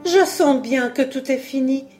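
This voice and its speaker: A woman reading a novel aloud, voicing a young woman in love who pleads in high, breathless tones. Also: unhurried, a little mellow, faint music behind. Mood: despairing.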